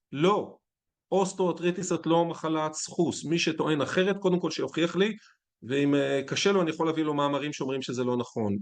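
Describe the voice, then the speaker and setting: A man, a physician, giving a conference lecture in a conversational, candid way with anecdotes. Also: fairly high pitch.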